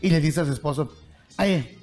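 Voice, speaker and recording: A man, a comedian co-host, telling a joke on a talk show in an animated, laughing way. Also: on the high side, moderate pace.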